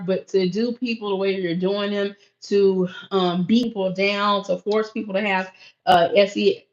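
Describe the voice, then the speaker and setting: Reading her chat on a casual live stream, a woman laughs and reacts to viewer comments with a mid-range voice that projects and carries. She's in a small home room for crafting and recording, sparse and echoey, and the audio is dull and lo-fi with room echo.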